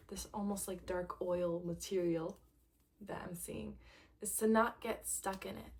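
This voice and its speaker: A woman giving a casual tarot reading to camera, gentle and reflective, laughing lightly and sometimes dropping to a soft near-whisper. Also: medium pitch. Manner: laughs lightly between thoughts. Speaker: tarot reader.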